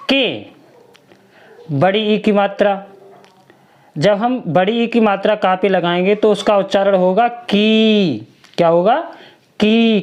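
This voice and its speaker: Here a woman leads a children's alphabet lesson, pronouncing each syllable slowly and prompting the listener to say it back. Her voice sits at medium pitch with a somewhat mellow quality.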